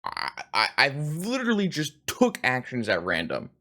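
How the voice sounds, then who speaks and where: A man's voice: medium pitch, wildly swooping pitch, normal speed, pushed and bright. A hungover man giving rambling, self-deprecating live commentary on a card game stream, swearing casually.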